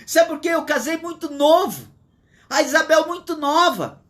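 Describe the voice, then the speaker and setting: A man's voice: extremely high pitch, normal speed, a bit bright. A man in his sixties with a Brazilian Portuguese accent, preaching a livestreamed sermon from his home in an earnest, emphatic way, repeating his points. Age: 60s. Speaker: pastor.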